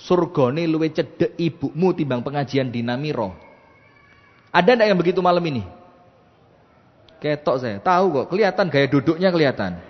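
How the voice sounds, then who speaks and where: High-pitched man preaching in a mosque, lively loud-soft swings, echoing hall sound. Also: moderate pace, long pauses. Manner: animated, swings between loud and hushed, teasing asides. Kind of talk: mosque sermon. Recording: dull, reverberant mosque PA recording.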